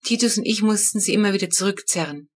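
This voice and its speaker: A woman narrating a children's book with lively, expressive storytelling. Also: mid-range voice, fast. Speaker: audiobook narrator.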